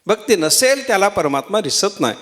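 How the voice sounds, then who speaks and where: A man's voice: high voice, big pitch swings, fairly quick, a bit bright. Male preacher telling devotional stories. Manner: repeats phrases, acts out quotes, asks the audience rhetorical questions. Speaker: religious preacher. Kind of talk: devotional sermon storytelling.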